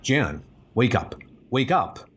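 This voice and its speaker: A man's voice: medium pitch, sing-song, takes it slowly, slightly rough, heavily acted. A man playing an earnest, stern scientist superhero in a comic-book dub, with a dramatic delivery. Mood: determined. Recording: loud music under the voice.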